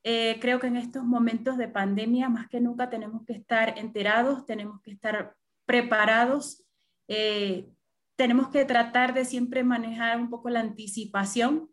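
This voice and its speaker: A middle-aged woman speaks Spanish with a Venezuelan Caribbean accent. Her voice sits a little high. She talks as an invited expert, courteous and explanatory. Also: fairly even intonation, normal speed. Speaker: podcast guest, travel assistance expert. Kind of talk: interview talk.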